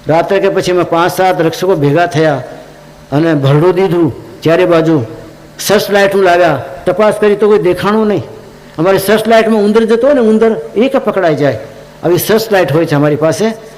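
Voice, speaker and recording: Male preacher, high pitch, dramatic devotional storytelling, long reverb. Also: brisk, a little mellow. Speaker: religious preacher.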